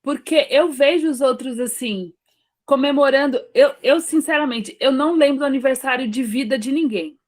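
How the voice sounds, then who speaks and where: Speaking casually on a faith panel, a woman with a Brazilian Portuguese accent wanders through her thoughts, tripping over restarts as she second-guesses her own views. Her voice is rather high with a slightly dark tone, and she talks at a moderate pace.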